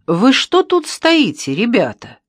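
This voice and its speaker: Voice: medium pitch, wildly swooping pitch, slow pace, no echo, studio quality, pitched above the performer's own voice, heavily acted. An audiobook reader voicing a bewildered woman caretaker with a ringing voice. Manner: ringing, puzzled questions. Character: bewildered female school caretaker. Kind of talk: audiobook reading.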